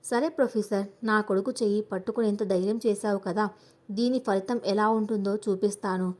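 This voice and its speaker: A woman's voice: mid-range voice, fairly even intonation, a little fast, a little mellow, natural voice. A woman voicing a haughty scheming rich aunt. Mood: haughty threats. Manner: haughty, threatening. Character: arrogant wealthy scheming middle-aged aunt.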